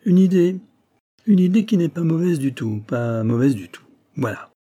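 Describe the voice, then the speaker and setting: A man's voice: a little high, lively intonation, moderate pace, voice pushed up. A man voicing a jeering drunken despot. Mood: gloating. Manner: jeering, gleeful menace with sudden shouts. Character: drunken cruel male despot, mocking and bloodthirsty.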